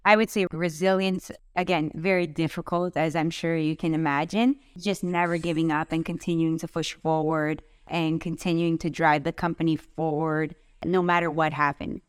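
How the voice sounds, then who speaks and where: A woman CEO answering interview questions in an earnest, measured way, often listing items. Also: low-pitched, little pitch movement, clear, resonant tone, no echo, studio quality. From Canada. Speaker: company CEO, guest. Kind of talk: podcast interview.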